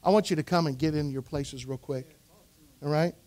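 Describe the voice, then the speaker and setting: A male pastor preaching a sermon in a church, repeating phrases for emphasis and swinging from quiet asides to loud exhortation. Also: on the high side, moderate pace. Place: church sanctuary.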